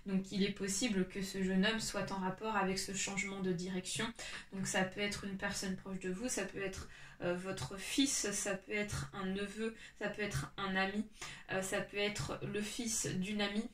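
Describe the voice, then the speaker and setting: A woman with a congested, stuffy nose from a cold gives a casual tarot reading to viewers, speaking haltingly and repeating her phrases. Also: mid-range voice, level tone. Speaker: tarot reader. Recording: roomy echo, distant mic, light noise.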